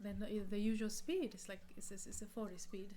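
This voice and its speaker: A woman's voice: medium pitch, steady tone, brisk, warm tone, slight background noise. A middle-aged woman from Tanzania, hosting her own podcast and telling a story in a casual, chatty way with many fillers and restarts. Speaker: podcast host.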